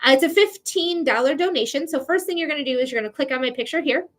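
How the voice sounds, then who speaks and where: A quick-talking woman with a high, slightly bright voice hosts psychic readings live online. Originally from Michigan in the United States and speaking with a Michigan accent, she keeps things chatty and bubbly, often breaking into laughter with her viewers.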